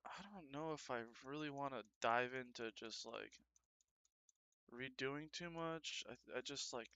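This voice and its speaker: Male streamer, casual crude banter, bright tone, dry close sound. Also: medium pitch, a little slow, smooth, no room sound. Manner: joking, crude banter with chat; talks while working. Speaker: streamer sculpting a toy. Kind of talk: casual live-stream chat.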